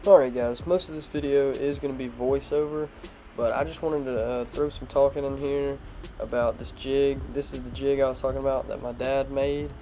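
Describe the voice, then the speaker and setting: A young automotive vlogger with a stuffed-up nose speaks at normal speed in a medium-pitched voice. In a voiceover for his home garage vlog, he relaxedly explains a truck project in plain terms, using fillers, with music playing behind.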